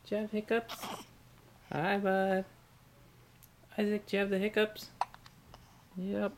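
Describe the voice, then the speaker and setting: A woman coaxing a baby in soft, sing-song baby talk in a home video, filmed with a handheld camera on a bed at home. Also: mid-range voice, little pitch movement, unhurried, a little hiss or hum. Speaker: parent talking to a baby. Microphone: handheld camera mic.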